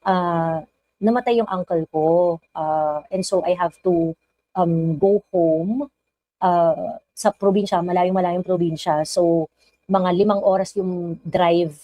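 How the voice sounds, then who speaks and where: A woman's voice: on the low side, steady tone, slow pace, dark tone, no echo, rough recording. Chatty Filipino woman livestream host. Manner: chatty, code-switching, reads viewer comments aloud. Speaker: live stream host. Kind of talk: casual live chat greeting viewers.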